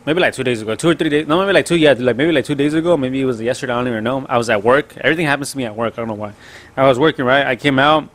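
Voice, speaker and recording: A man's voice: medium pitch, very fast, a bit bright. A young man co-hosting a casual podcast, telling a rambling story, swearing freely and dropping Spanish words. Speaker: podcast co-host, delivery driver.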